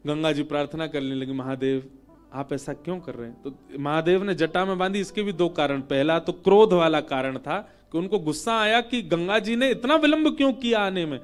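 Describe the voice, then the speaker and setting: A man telling a devotional religious story as a sermon, with expressive, swelling emphasis. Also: high voice.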